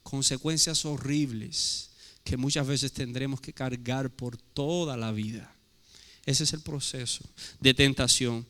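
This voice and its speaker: High, pushed and bright yet smooth, this man's voice fills an echoing hall. He is a pastor preaching emphatically in Portuguese-accented Spanish, asking one rhetorical question after another.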